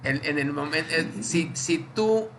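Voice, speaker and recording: Mexican-accented male Bible study leader, bright and a bit high-pitched, chatty teaching with acted-out examples. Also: a little slow, slight background noise. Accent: Mexican Spanish. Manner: explains with little acted dialogues, checks understanding often.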